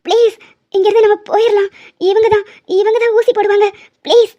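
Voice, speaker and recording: A woman's voice: very high-pitched, level tone, brisk, dark tone. A woman voicing a frightened childlike patient. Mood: scared childlike. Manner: pleading, fearful, childlike. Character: terrified young woman patient, locked away, childlike. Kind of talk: cartoon voice acting. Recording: dull lo-fi sound.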